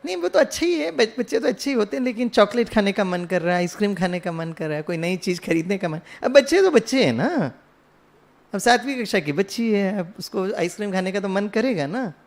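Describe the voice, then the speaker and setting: A man's voice: high-pitched, animated, fairly quick, creaky. A man giving a spiritual talk, telling a story and asking the audience questions, slipping English phrases into his speech. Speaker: spiritual speaker.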